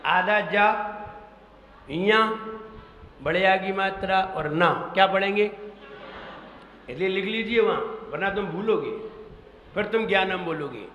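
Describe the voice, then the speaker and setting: High bright-voiced preacher, quizzes folks and spells stuff out, big echoey hall. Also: male voice, slow pace, long pauses, dull audio, a little hiss or hum. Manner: repeats and quizzes listeners, spells words letter by letter. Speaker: Jain monk preacher. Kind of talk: sermon teaching pronunciation. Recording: echoey hall with long reverb.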